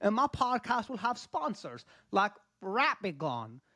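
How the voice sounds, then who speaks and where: A grumpy, greedy puppet chef, as a man puts him on, who talks in flat, childlike sentences and takes offense at everything. His pitch leaps around a lot. The sound is dry and close, with no room around it. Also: a little slow, no room sound, heavily acted. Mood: deadpan. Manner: deadpan, easily offended, childlike. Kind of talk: comic bit on a podcast.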